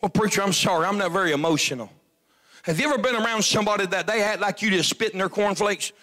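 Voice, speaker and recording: A man preaching at a revival, fervent and often shouting, with a stutter and sudden quieter passages. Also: high voice, quick pace.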